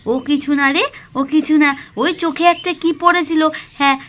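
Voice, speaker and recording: A poor young village mother speaks tenderly and emotionally to her little daughter, voiced by a woman. Her voice is high and gentle, and she soothes the girl as she hides her own hardship. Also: steady tone, normal speed.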